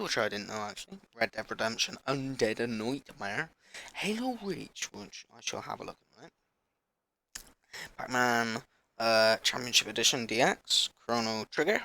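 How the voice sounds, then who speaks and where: A man with a sore throat hosting a gaming channel, rambling and apologetic as he haltingly reads a list in a casual announcement vlog. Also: mid-range voice, creaky, pushed and bright, no echo.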